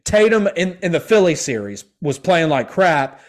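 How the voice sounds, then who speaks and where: Very animated and speaking at normal speed, a young male podcast host chats casually about sports in a voice pitched slightly above the typical man's. He wanders, restarts often and relies on filler words and slang.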